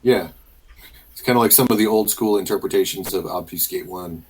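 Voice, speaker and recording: A man co-hosting a podcast in a casual chat, easygoing and quick to agree. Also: deep voice, a little mellow, breathy edge, poor audio. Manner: easygoing, frequent short agreement. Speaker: podcast co-host.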